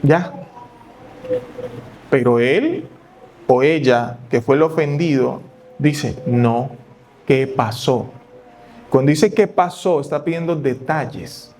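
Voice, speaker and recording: A man's voice: mid-range voice, takes it slowly, pauses often, darkish tone, slight background noise. A male pastor giving a sermon, talking it through conversationally and asking and answering his own questions. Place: church.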